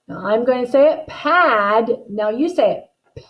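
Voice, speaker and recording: A woman teaching a guided phonics lesson, slowly modeling words and sounds in an exaggerated, instructive way. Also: fairly high pitch, expressive, dark tone. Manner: instructive, checks understanding with short tag questions. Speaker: reading teacher.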